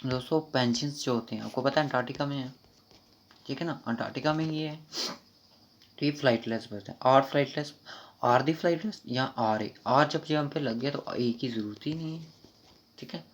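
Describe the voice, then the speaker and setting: A man with a Kashmiri accent teaching an online English grammar lesson, explaining quickly and informally and reading the English sentences out slowly. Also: medium pitch. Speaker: exam prep teacher. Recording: dull lo-fi recording.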